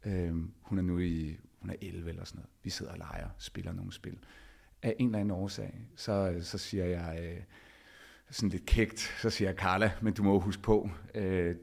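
Gravelly low-voiced man telling a story. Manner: animated, acts out quoted dialogue. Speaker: podcast host. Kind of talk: personal storytelling.

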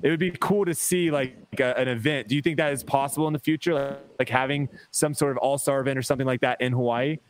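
A young man hosting a casual podcast, chatty and upbeat, asking questions in quick bursts. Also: mid-range voice, steady tone, a little hiss or hum. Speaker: podcast host.

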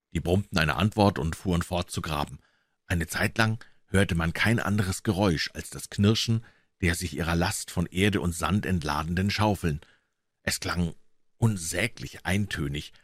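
Male audiobook reader, deep and steady, dry studio sound. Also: no echo. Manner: measured, even storytelling. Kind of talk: reading a classic novel aloud.

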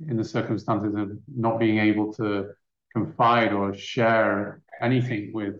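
An earnest man co-hosting a podcast, keeping his voice level and even as he reflects. He stumbles over repeated words while he thinks. The sound is roomy and a little dull, like a lo-fi room recording. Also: on the low side, unhurried. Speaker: co-host. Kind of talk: podcast conversation.

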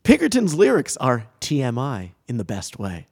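A man co-hosting a casual music podcast, jokey and quick to laugh. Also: mid-range voice, slightly rough. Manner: jokey, laughs often, animated. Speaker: podcast co-host.

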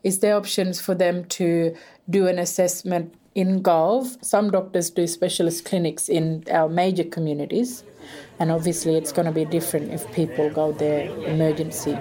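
A woman talking in an interview discussion, halting and thoughtful as she works out her points. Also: fairly low pitch, level tone, a crowd in the background.

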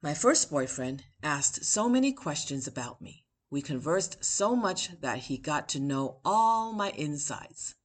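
An author and podcast host with a notably low voice reads her personal essay aloud, very animated yet deliberate and measured, pausing between phrases for emphasis.

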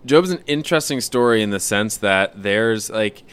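A man's voice: fairly low pitch, normal speed, clear, resonant tone. A young man co-hosting a church podcast, talking casually and jokingly about a Bible story with lots of fillers. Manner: relaxed, jokey, full of fillers. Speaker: podcast co-host. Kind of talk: casual chat about Scripture.

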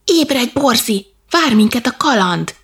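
A woman's voice: on the low side, animated, gravelly, husky, full character voice. A woman voicing a curious, brave little boy in a children's storybook. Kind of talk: storybook character voice.

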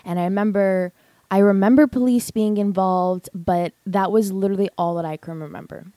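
A woman's voice: mid-range voice, fairly even intonation, brisk, mellow, no echo. A woman in her twenties hosting a podcast, telling a personal story in a candid, rambling way and swearing often. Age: 20s. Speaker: podcast host.

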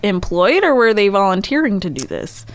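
A woman's voice: mid-range voice, big pitch swings, moderate pace. Bouncy, wide-ranging, curious woman. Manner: eager and curious, gasping and exclaiming, many questions. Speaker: podcast co-host. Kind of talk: casual chat.

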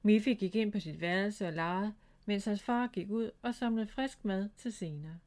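A woman reads a children's chapter book aloud in a calm, gentle storytelling voice. Her pitch sits in the middle of the range. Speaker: storybook reader.

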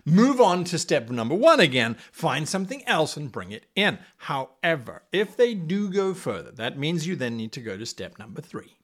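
A man hosting a podcast, talking enthusiastically about running tabletop games, slipping into playful accents now and then. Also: sits high. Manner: animated, slips into playful put-on accents. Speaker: podcast host giving game master advice. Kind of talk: enthusiastic solo podcast talk.

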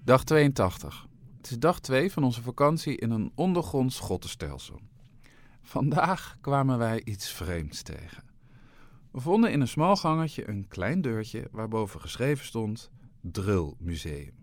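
Expressive male storybook narrator. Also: medium pitch, unhurried, no room sound. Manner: expressive, playful read-aloud delivery. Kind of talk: storybook reading aloud.

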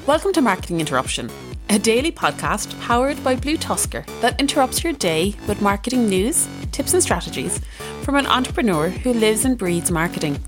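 Lively female announcer over music. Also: medium pitch, fairly quick. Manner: polished, announcer-like. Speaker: show announcer. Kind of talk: scripted intro and outro voice-over. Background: music bed.

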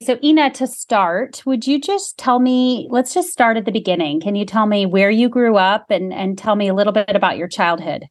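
A woman's voice: mid-range voice, moderate pace, few pauses. A woman hosting an interview show, encouraging her guest with frequent affirming murmurs. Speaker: podcast host.

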